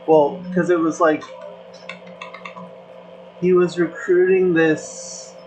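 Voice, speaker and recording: Slow-talking creator, rambling casual chat, filler-heavy, faint music under the voice. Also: mid-range voice, a little mellow, rough recording. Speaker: content creator.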